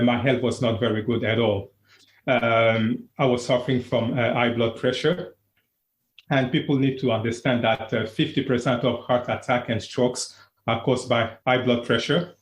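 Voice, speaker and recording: Against a roomy sound, a man from Congo, a wellness coach by trade, speaks as an interview guest about his own experiences. He comes across as earnest and plain, with a mid-range voice and frequent halting restarts.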